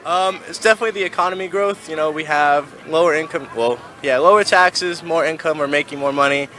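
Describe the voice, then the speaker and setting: A man's voice: fairly high pitch, a little fast, bright, forceful tone, a little hiss or hum. A man of twenty answering interview questions outdoors in a casual way, with lots of "like". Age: 20s. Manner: casual, says "like" a lot. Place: outdoors in a city street.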